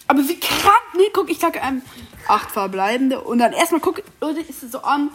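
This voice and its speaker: A woman casually commenting while opening rewards in a mobile game, excitable and slangy, swinging between quiet counting and loud outbursts. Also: high-pitched, moderate pace. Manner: uses youth slang. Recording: game music playing underneath.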